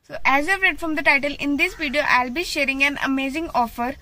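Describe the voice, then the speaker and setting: A woman's voice: sits high, extremely slow. A young Indian woman in her twenties, reviewing a restaurant buffet in a casual vlog and piling up words for emphasis, filmed on a phone at arm's length. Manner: enthusiastic, repeats words for emphasis. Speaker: food vlogger. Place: indoor restaurant dining hall. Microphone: phone camera at arm's length. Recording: loud music under the voice. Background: loud background music.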